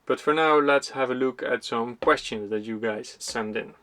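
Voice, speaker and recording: A man hosting a community project vlog, explaining costs and plans in a relaxed, plain-spoken way. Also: medium pitch, moderate pace. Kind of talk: casual explanatory vlog narration.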